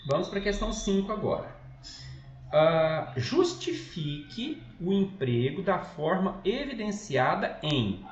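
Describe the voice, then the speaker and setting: A Brazilian man working through a school exercise as a teacher. His intonation rises and falls a lot, and he keeps checking that students follow. The recording sounds echoey and a bit dull, with faint noise from his home behind him. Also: high-pitched. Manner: patient, often checks in with "né?" and corrects himself. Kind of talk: recorded online lesson walkthrough.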